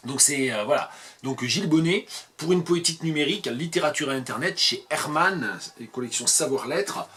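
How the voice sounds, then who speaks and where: A man's voice: on the high side, lively intonation, normal speed, bright, forceful tone, slightly rough. A man from the Landes in southwest France, with a Landes accent, talking improvised to camera as an academic video blogger, digressive, self-mocking and thinking aloud. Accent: Landes (southwest French).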